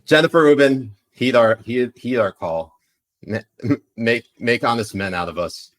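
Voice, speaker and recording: Speaking unhurriedly in a mid-range voice, a Pakistani-accented podcast co-host chats about politics on a live show. His talk is rambling and thick with fillers, and he laughs readily.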